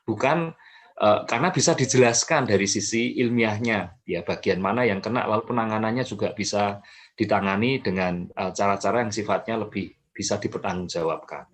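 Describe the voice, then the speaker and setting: A man explaining a topic calmly as an expert guest, with frequent fillers and self-corrections. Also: lowish voice, fairly quick. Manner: calm, explanatory, many fillers and restarts. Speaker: mental health expert guest. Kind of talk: explanatory talk.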